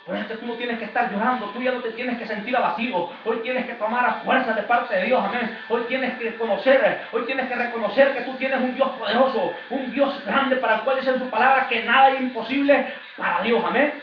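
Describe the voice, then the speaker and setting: A man's voice: very high voice, fairly quick, slight background noise. A man preaching a sermon as an evangelist, in a fervent, repetitive preaching cadence. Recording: echoey, distant, dull lo-fi church recording.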